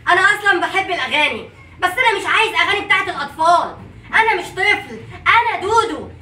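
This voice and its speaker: A woman's voice: very high voice, expressive, very fast, pushed and bright, reverberant, distant mic, exaggerated voice. A woman voicing a stubborn, mischievous little boy with an Egyptian accent, whiny and defiant, in a comedy sketch. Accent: Egyptian Arabic.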